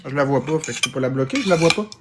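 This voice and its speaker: A man with a Québécois accent chatting casually on a live stream, quick and playful. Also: mid-range voice, expressive, noisy background.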